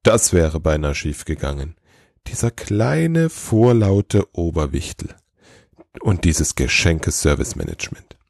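A weary, kindly old Santa talks slowly and calmly, as a man reads him in a storybook. His voice sits very low, grandfatherly and unhurried. The sound is close and dry. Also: vocal fry, no echo, heavily acted. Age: older. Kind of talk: storybook reading.

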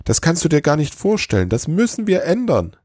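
A man voicing an eager, excited male head elf who gushes without pausing for breath. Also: fairly low pitch, breathy edge, dry recording, clean studio sound, pitched above the performer's own voice. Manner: rushed, gushing, talks without pausing.

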